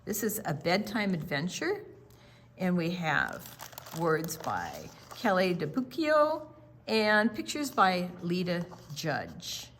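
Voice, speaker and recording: Reading a picture book aloud to young children, a storytime reader uses big pitch swings in a low-leaning, fairly bright voice. She goes slowly, emphasizing words and explaining bits along the way, with a little hiss or hum in the background.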